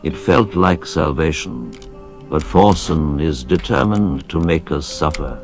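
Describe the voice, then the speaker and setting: A robotic text-to-speech man's voice reading out donation messages in a flat, even delivery. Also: a bass voice, measured pace, soft background music.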